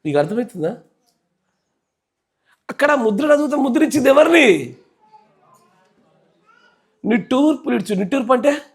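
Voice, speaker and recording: A man's voice: very high-pitched, very animated, normal speed, long pauses, breathy edge. A male pastor with a Telangana Telugu accent preaching a sermon in church, keeping the congregation engaged by repeatedly asking them questions and pressing them to answer yes or no.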